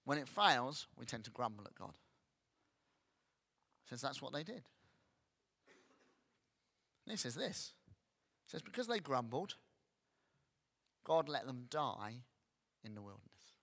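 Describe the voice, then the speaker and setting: Animated preacher with a bright voice in a reverberant hall. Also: male voice, mid-range voice, a little slow, vocal fry, pauses often. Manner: animated, acts out grumbling voices. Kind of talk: sermon.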